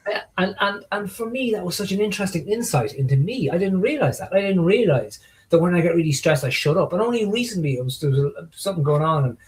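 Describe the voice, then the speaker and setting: A man talking as a guest in a casual conversation, animated and acting out quoted exchanges as he tells stories, heard over a video call. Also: high voice, fast talker, poor audio.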